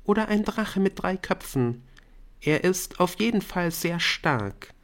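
A man's voice: sits high, big pitch swings, a little slow, pitched above the performer's own voice, full character voice. Bryn, a man putting on a clingy teenage girl. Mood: whispering.

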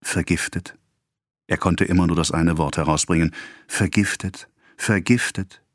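A man's voice: deep voice, level tone, fast, no echo, clean studio sound. A man playing a frantic, devoted husband who presses with urgent questions. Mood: stunned.

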